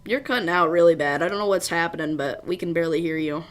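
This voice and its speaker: A woman's voice: on the low side, quick pace, slight background noise. A woman hosting a live severe weather stream, giving informal commentary and thinking aloud as she goes. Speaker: storm livestream host.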